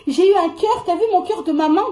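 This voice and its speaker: A young woman's high voice rants angrily into a phone during a live stream. She swears freely and jumps from loud outbursts to low, grumbling asides. Her heated talk barrels on without pause. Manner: angry, swearing, swings between shouting and muttering.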